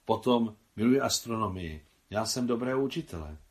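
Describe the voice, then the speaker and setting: A man's voice: lowish voice, expressive. A man reading the lines of a curious young woman, an admiral's daughter, in an audiobook, with an eager, questioning delivery.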